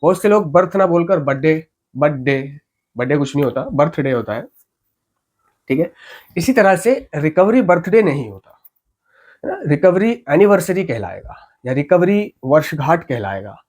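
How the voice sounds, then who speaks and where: Male recovery speaker, slightly high-pitched, earnest and explanatory, casual teaching tone. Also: big pitch swings, normal speed, a little mellow. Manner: earnest, explanatory, often adds tag questions. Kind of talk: informal spoken talk on recovery.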